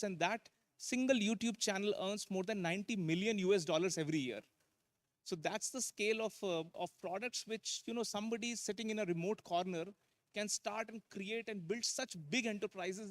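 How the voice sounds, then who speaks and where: A man moderating a conference panel discussion, hesitant and full of fillers. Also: high-pitched. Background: conference hall.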